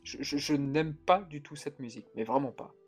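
A man's voice: fairly high pitch, normal speed, slightly rough, soft background music. Teasing man chatting on a podcast. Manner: animated, teasing, prone to restarts. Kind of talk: casual podcast chat.

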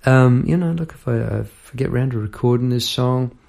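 With a guitar playing in the background, a middle-aged man talks reflectively about songwriting on his podcast, rambling warmly and often starting over with musing asides. He has a mid-range voice with vocal fry and keeps a moderate pace.

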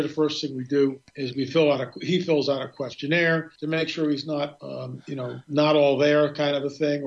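Male guest storyteller, rambling delivery, fairly high voice, dull lo-fi sound. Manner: rambling, restarts often, clears throat. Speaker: guest filmmaker. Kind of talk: casual radio storytelling.

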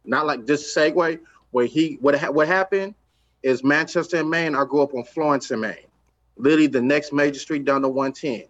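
A man's voice: a little high, a little fast, fairly bright tone, lo-fi sound. A man from Los Angeles, a record executive talking in a casual podcast chat, emphatic and streetwise, repeating his points.

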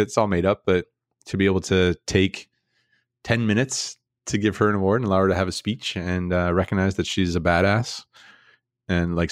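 A man's voice: sits low, no room sound, clean studio sound. A young man co-hosting a podcast, talking casually in a rambling way with lots of fillers. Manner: rambling, many fillers and restarts. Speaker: podcast co-host.

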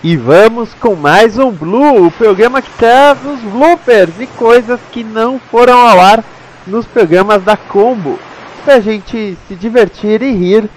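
A Brazilian man hosting a comedy podcast, reading an upbeat scripted introduction in a fairly high voice. He sounds like an announcer. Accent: Brazilian Portuguese. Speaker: show host.

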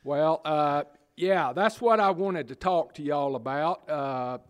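Picture a bumbling small-town mayor with a Southern accent, tripping over his own words and padding every sentence with fillers, as a man acts him out in an improv comedy. His voice sits a bit high for a man, and he keeps apologizing without ever budging. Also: takes it slowly. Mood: sheepish. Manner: hesitant, stammering, full of fillers.

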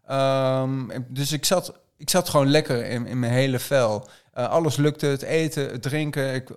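A man's voice: mid-range voice, moderate pace, smooth. A man casually recounting his experiences as a trail runner, acting out his own thoughts as he tells it. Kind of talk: casual conversational storytelling.

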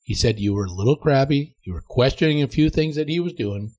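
Older man guest, husky voice, dry humor, casual podcast chat. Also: mid-range voice, expressive, quick pace, a little mellow, rough recording. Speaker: guest hunter.

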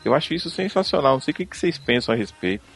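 A man's voice: mid-range voice, sing-song, rapid-fire, slightly rough, soft background music. A man hosting a podcast in a casual, unscripted live chat. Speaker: podcast host.

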